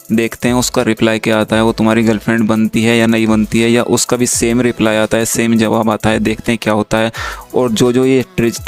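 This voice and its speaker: A young man casually narrating a chat he is showing on screen, retelling it in a very flat, monotone way. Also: medium pitch, clean tone. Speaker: YouTube creator.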